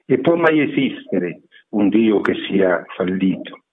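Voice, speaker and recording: A man giving a measured, explanatory radio lecture on literature. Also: on the low side, expressive, breathy edge. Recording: narrow phone-like radio broadcast.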